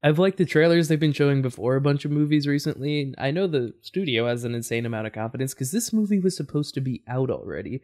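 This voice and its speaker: A man at an ordinary, mid-range pitch chats through his reactions as a video host. He talks in a loose, rambling way, with fillers and restarts. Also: lively intonation, fast talker, few pauses, a little mellow. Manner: rambling, chatty, with fillers and self-corrections. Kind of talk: casual reaction commentary.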